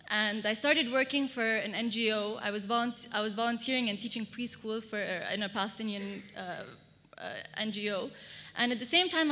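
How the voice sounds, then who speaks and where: A fashion designer from Kuwait gives a personal storytelling talk as a public speaker at a conference, addressing an audience in a large hall. Her voice is on the high side, pushed and bright. The amplified stage talk echoes through the reverberant hall.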